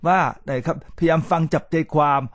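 ผู้ชายไทยวัยกลางคน พูดบรรยายแบบเป็นกันเอง เสียงค่อนข้างสูง. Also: male voice, fairly high pitch, brisk, no echo. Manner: animated, mixes English words into his talk, demonstrates pronunciation. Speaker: podcast host teaching English. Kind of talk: casual lecture-style talk to listeners.

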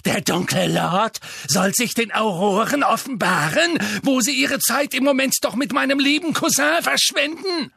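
A man's voice: normal speed, gravelly, few pauses, bright, forceful tone, husky, no room sound, clean studio sound, full character voice. A man doing Bellatrix, a shrieking mad witch. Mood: mocking. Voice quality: shrill, cackling. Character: shrieking mad female witch, cackling and cruel.

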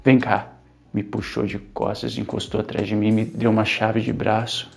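Gravelly Brazilian man telling a story. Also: on the low side, normal speed. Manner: expressive, gets louder when agitated. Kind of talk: narrated erotic story.

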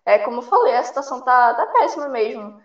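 A woman with a high voice calls in to a sports show and rambles anxiously. The sound is muffled and echoey, as if carried over a dull call line. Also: sing-song, fast talker. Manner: rambling, anxious, filler-heavy. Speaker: fan calling in to a sports show. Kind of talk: casual call-in chat.

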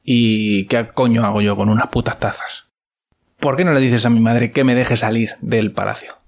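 A man's voice: medium pitch, steady tone, normal speed, lightly acted. A man voicing a petulant, foul-mouthed teenage prince with a Spain Spanish accent. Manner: whiny, swearing casually.

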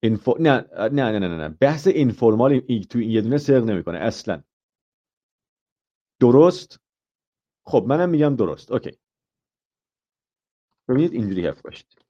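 A man's voice: mid-range voice, big pitch swings, pauses often, highs cut off. A man teaching an IELTS grammar lesson live, asking the class questions, explaining step by step and dropping in English example phrases.

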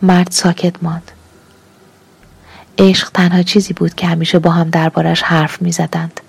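A woman reading literary fiction aloud as an audiobook narrator, calm and measured, at times half-whispered. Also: on the low side, vocal fry, husky.

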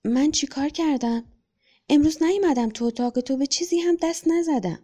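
Timid small boy, sweet and soft, high childlike voice, storybook reading by a woman. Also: very animated, husky, heavily acted. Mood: timid, defensive.

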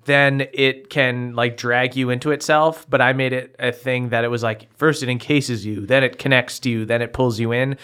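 A man's voice: medium pitch, fairly even intonation, normal speed, few pauses, fairly bright tone, smooth. A man who runs the group's tabletop game, chatting casually and explaining with fillers. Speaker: game master. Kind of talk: casual podcast chat.

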